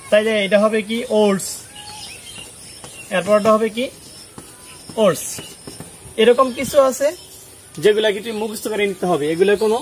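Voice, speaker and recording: In a classroom, a man with a high-pitched voice explains English grammar rules step by step at a board. He keeps asking students if they've understood, and there's a little hiss or hum on the recording.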